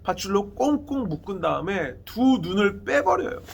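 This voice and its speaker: Youth pastor guy preaching, high voice, tells the story dramatic, asks the kids questions. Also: very animated, normal speed, gravelly, slight background noise. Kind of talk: sermon retelling a Bible story.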